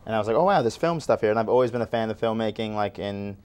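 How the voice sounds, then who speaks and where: A man's voice: lowish voice, animated, rapid-fire, darkish tone, clean tone. A man in his twenties, originally from Chile, talks at length as a guest filmmaker in a loose, rambling way, full of "like". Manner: rambling, with many "like"s. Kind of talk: casual interview chat.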